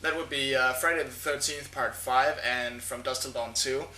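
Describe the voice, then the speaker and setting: A man's voice: mid-range voice, steady tone, moderate pace, pushed and bright, far from the mic, a little hiss or hum. A man who reviews horror movies, chatting casually and candidly as he answers viewer questions, with the odd filler. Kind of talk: casual talk to camera. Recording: echoey room.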